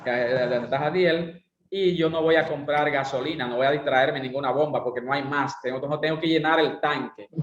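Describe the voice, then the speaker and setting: A man's voice: fairly high pitch, fairly even intonation, a little fast, hardly any pauses, a little hiss or hum. A man teaching a speaking and voice class, explaining exercises and often asking rhetorical questions. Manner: didactic, asks rhetorical questions. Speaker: voice and speaking instructor. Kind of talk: online class lecture with exercises. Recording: roomy, dull lo-fi sound.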